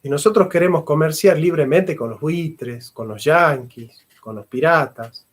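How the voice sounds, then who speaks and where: A middle-aged man, a philosopher and history teacher, delivers an impassioned lecture, repeating phrases for emphasis. His voice is husky and slightly high, and he speaks without hurry.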